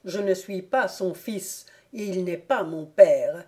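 A woman's voice: lowish voice, slow, warm tone. A woman reading the lines of an anguished young nobleman in love, agitated and pleading. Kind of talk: audiobook character reading.

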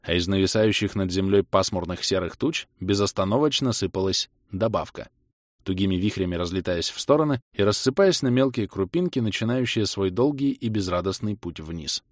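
A man narrating a first-person audiobook in an expressive, measured storytelling manner. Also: low voice, dry recording, studio quality.

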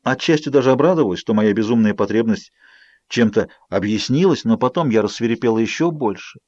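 A man's voice: fairly low pitch, animated, fairly quick, darkish tone, no room sound, dull audio. Man reading an audiobook aloud. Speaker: audiobook reader. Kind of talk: scripted first-person narration.

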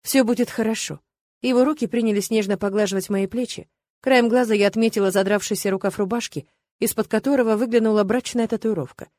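A woman narrates a first-person audiobook, steady and expressive, at a middle pitch. The recording is close and dry, with no room sound. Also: fast talker, no echo.

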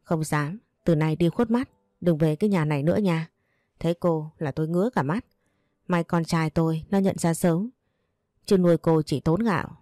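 A woman's voice: low voice, normal speed, no room sound, clean studio sound, lightly acted. A woman voicing a spiteful, scornful mother-in-law who speaks with contempt in a storybook reading. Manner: sharp and contemptuous.

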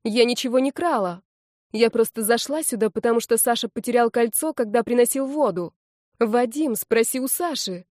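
A woman's voice: moderate pace, darkish tone, dry recording, studio quality, lightly acted. A woman voicing a desperate young red-haired woman who pleads and protests through tears. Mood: protesting. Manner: pleading, tearful, raised high voice.

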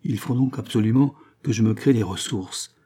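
A man's voice: fairly low pitch, normal speed, warm tone, slightly rough. A man reading a novel aloud in first-person narration, raising his voice for the dialogue. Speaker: audiobook reader.

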